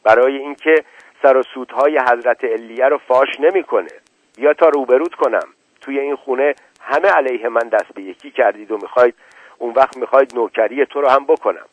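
A man's voice: medium pitch, slightly rough, no room sound, dull audio, lightly acted. A man voicing an angry middle-aged husband who feels plotted against, reading a book aloud on radio, bitter and defensive. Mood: shouting.

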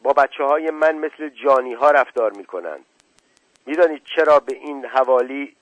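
A man's voice: mid-range voice, lively intonation, fairly bright tone, no echo. An indignant father with his voice raised in anger, as a man reads him in an audiobook. The sound is thin and dry. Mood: angry. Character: angry protective father. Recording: tinny, dry, phone-like sound.

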